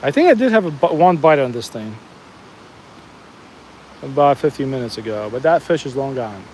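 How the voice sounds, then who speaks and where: A New Jersey-accented man livestreams while fishing, walking the bank and chatting casually with viewers, often restarting as he answers comments. His medium-pitched, darkish voice swings widely in pitch at normal speed; the audio is poor, with slight background noise.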